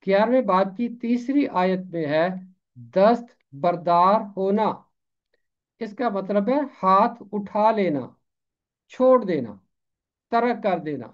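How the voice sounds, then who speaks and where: A man with a Pakistani Urdu accent giving a pronunciation lesson, speaking slowly and deliberately and repeating each word for drill. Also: high-pitched. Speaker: pronunciation teacher. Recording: slightly dull lo-fi recording.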